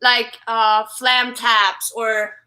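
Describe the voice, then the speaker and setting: A young adult woman from Sweden with a Swedish accent, a drummer talking in a casual live-stream interview, halting, with many fillers and restarts. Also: fairly high pitch, flat delivery, background noise. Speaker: guest drummer. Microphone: wireless headphones.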